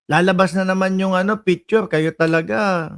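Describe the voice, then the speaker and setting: Filipino guy ranting about politics, high voice, mocking, gets loud then quiet. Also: moderate pace, clean tone. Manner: animated, mocking, shifts loud and soft. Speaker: political commentary vlogger. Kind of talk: casual political commentary.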